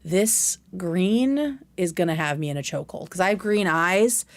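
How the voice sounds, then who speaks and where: A woman with a fairly low, animated voice hosts a casual livestream, reacting to a video at normal speed. Her commentary is effusive and slangy, peppered with swearing.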